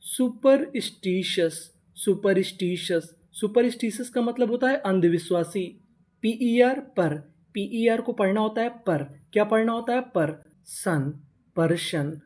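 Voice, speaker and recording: A man teaching English reading, spelling words out letter by letter, asking questions and answering them himself, stretching each model word slowly. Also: high voice, a little mellow. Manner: slow drawn-out model pronunciations.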